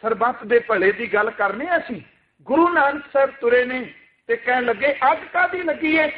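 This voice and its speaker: A man with a very high voice delivers an impassioned Sikh sermon, pressing his listeners with rhetorical questions. His voice comes through thin and tinny, like over a phone line. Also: normal speed. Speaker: Sikh preacher. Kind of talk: religious sermon with recited scripture.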